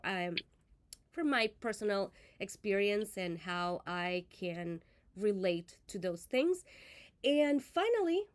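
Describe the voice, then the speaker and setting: A woman, hosting a casual live crafting stream in a friendly, chatty way with fillers and restarts. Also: mid-range voice. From Venezuela.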